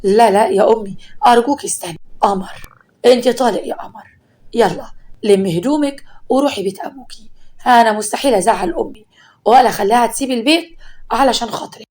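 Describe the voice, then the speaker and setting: Woman doing a young husband, Egyptian accent, pleading, fairly high voice. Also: fast talker, a little mellow, lightly acted. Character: young husband torn between mother and wife, man.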